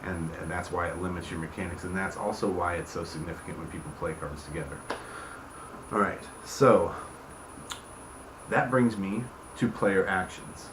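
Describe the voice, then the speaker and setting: A man with a low voice and a moderate pace hosts and explains the rules of a game he created, keeping the tone informal. He checks in with the listener often, using small tag questions like "okay," "right," and "you see what I'm saying." The room has a roomy echo, and background noise is clearly audible.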